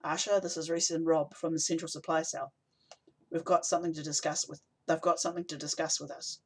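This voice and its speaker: Brief: man voicing a calm, loyal young rebel, gentle and concerned, audiobook. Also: on the high side, fairly quick, slightly rough.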